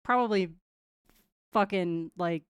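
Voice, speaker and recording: A woman's voice: lowish voice, slow, clean tone, dry recording, studio quality. A young woman streaming her first tabletop game, chatting casually in a bubbly, giggly way with frequent restarts. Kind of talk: casual chat.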